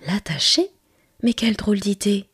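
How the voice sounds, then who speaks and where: A woman voicing a curious, earnest little boy prince from a tiny planet in whispered role-play, raising her voice higher into an eager childlike half-whisper. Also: moderate pace, fairly bright tone, husky, dry recording, studio quality. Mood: amazed.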